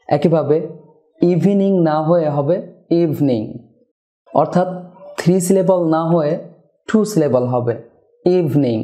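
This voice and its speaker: A man from Bangladesh teaching English pronunciation in Bengali, slowly repeating example words. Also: on the high side, warm tone, rough recording. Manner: slow, deliberate repetition of example words. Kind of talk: Bengali-language English lesson.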